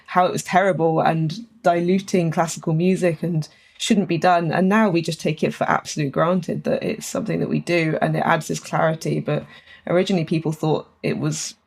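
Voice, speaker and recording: A woman's voice: sits low, steady tone, fairly quick, gravelly, a little mellow. A woman composer, a podcast guest, explaining her ideas in casual chat, thoughtful and enthusiastic with filler words.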